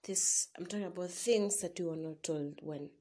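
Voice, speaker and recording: A young woman with a Kenyan accent talks in a slightly low, husky voice. She hosts solo in a chatty, informal way, addressing listeners directly and dropping in Swahili slang. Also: normal speed, dark tone. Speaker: podcast host. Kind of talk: casual solo chat to listeners.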